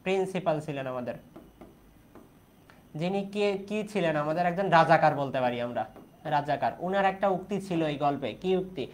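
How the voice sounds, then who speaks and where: A man's voice: fairly high pitch, normal speed. A young man from Bangladesh teaching an online exam-prep class in Bengali, asking questions and repeating the key answers.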